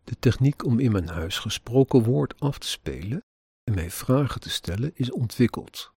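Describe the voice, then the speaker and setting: A man's voice: medium pitch, expressive, moderate pace, dark tone, breathy edge, dry recording, studio quality. A man earnestly narrating his own experiences in a personal account, with an indignant edge.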